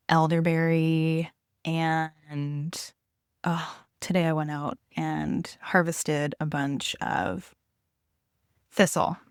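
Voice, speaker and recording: A woman with a notably low voice hosts a podcast from inside a small trailer. She talks casually and takes her time, with a very slow pace. The sound is close and dry, with hardly any room to it. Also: smooth, no echo. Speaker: podcast host. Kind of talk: casual solo podcast intro, chatty.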